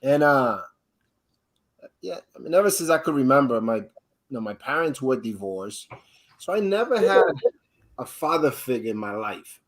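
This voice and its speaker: Homem dominicano, fala hesitante. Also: male voice, medium pitch, big pitch swings, poor audio. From Dominican Republic. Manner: halting, full of fillers and restarts. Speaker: interview guest. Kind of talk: candid personal storytelling.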